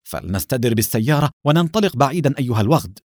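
A man voicing a cool, sarcastic male secret agent who speaks calmly and coldly. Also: medium pitch, very fast, dry recording, clean studio sound, natural voice. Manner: calm, mocking, cold.

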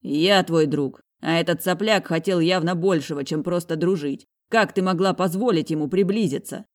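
A woman voicing an angry, possessive young man who speaks slowly through gritted teeth. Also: fairly low pitch, natural voice. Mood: stern. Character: stern possessive young man, barely holding anger.

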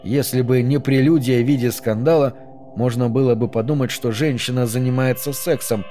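A man narrating an audiobook in a calm, measured way. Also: medium pitch, soft background music. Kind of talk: scripted narration.

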